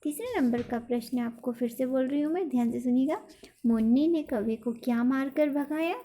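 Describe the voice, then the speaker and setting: A woman teacher giving a recorded lesson to young pupils, repeating questions and reciting a poem slowly. She keeps checking with "ठीक है?". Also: sits high, mellow. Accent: Hindi. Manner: slow, repetitive, sing-song recitation with frequent "ठीक है?" checks.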